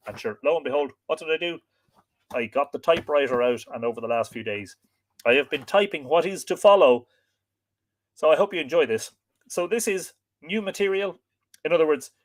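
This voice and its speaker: Lilting Irish man hosting a livestream. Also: a little high. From Ireland. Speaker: livestream host and storyteller. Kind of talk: informal livestream chat, reading out viewer greetings.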